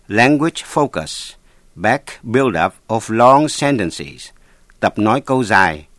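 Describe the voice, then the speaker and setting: A man hosting a radio English lesson, reading a scripted bilingual lesson and spelling out words slowly and carefully. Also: medium pitch, fairly bright tone, dry recording, studio quality. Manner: slow, careful spelling and pronunciation drills. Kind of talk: scripted bilingual teaching narration.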